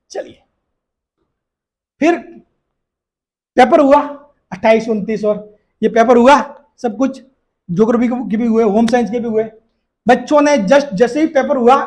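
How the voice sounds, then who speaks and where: High-voiced emphatic male coaching teacher. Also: darkish tone. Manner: emphatic, repeats points, asks "बात clear?". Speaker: online exam-prep teacher. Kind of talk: casual talk to students.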